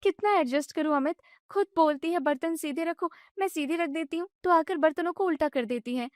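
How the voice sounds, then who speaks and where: A woman voicing a young newlywed daughter-in-law who argues back in a high, exasperated voice. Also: brisk, a little mellow, no echo, studio quality. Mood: indignant. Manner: high, protesting complaints.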